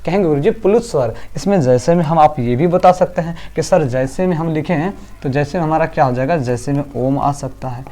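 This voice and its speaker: A man's voice: a little high, a little fast, hardly any pauses, warm tone. A man teaching a grammar class. He repeats each point, asks his students questions and answers them himself, and sometimes chants vowel sounds aloud. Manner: repetitive drilling, rhetorical questions to students. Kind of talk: online class lecture.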